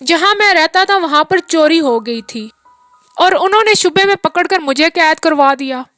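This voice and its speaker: A woman's voice: extremely high pitch, animated, moderate pace, fairly bright tone, dry recording, soft background music. A woman reading the part of a weary, peasant-born man who rambles through a long, rueful account of his hard years. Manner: long rambling confessional talk.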